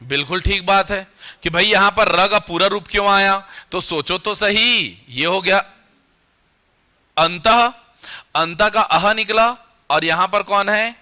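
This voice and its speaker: A young adult man teaching a grammar lesson to a classroom, quizzing the students with questions and answering them himself, and slowing down to dictate the rules. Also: high voice, sharp tone.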